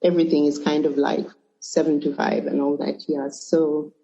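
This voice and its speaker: A middle-aged woman from Zimbabwe and Zambia, a podcast guest answering questions in a relaxed way with small restarts. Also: low voice, normal speed. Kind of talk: conversational interview answers. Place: remote call. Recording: muffled lo-fi remote audio.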